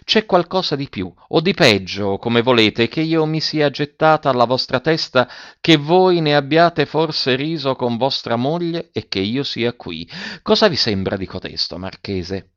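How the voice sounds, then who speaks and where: A haughty, provoking princess, sharp with irony and sure of her power, voiced by a man reading aloud. The voice is raised well above the reader's low natural pitch. The recording is dry and dull, a lo-fi audiobook. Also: expressive, a little slow, few pauses, no room sound. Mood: sardonic. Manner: sardonic, imperious.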